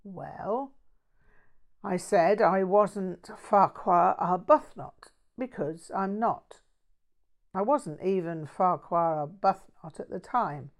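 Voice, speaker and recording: A woman's voice: on the low side, slow. A woman voicing a mild, erudite, earnest Buddhist man in an audiobook story, speaking in a precise, bookish way. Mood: wry, careful.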